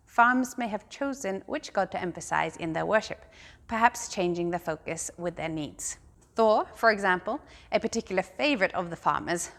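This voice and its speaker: A woman giving a scripted guided tour as a museum guide, explaining things in a calm, measured way. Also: on the low side.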